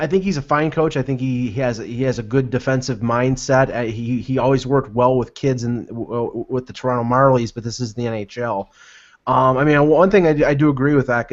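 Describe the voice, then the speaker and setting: A man giving casual, opinionated sports commentary as a podcast panelist on a remote online call. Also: medium pitch. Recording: dull lo-fi online call audio.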